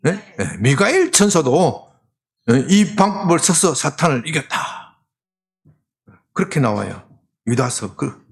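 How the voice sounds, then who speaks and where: A man preaching a sermon as senior pastor, animated and firing rhetorical questions at the congregation. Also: medium pitch.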